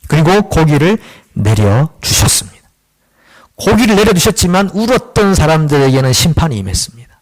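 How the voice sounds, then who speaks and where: A man preaching a Wednesday sermon, animated and conversational, acting out the voices of the figures he talks about. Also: a little high, brisk. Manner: animated, acts out dialogue with God and Moses; chuckles at himself, conversational. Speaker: pastor.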